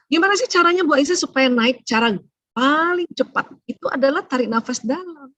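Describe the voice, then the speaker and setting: A woman giving a seminar talk on family and emotions, animated, acting out short exchanges between parent and child. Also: high voice, a little fast, no room sound.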